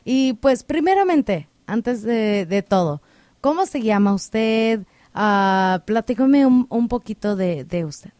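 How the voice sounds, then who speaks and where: A woman hosting a radio interview, asking questions in a relaxed way with frequent hesitations. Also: on the high side, slow pace, dry recording. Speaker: radio host.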